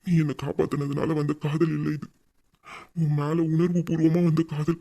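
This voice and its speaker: A man's voice: on the high side, little pitch movement, normal speed, creaky, dark tone. A man voicing a young man who pleads for his lost love in an earnest audio drama monologue. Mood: longing.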